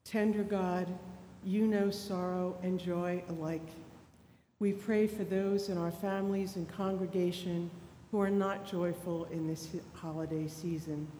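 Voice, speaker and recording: A woman reading intercessory prayers slowly and deliberately, her voice carried by a cathedral echo. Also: mellow. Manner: slow, deliberate reading of names and petitions. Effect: cathedral echo, voice ringing through a large church. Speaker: prayer leader. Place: large church sanctuary. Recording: echoey church hall, distant mic, faint rumble.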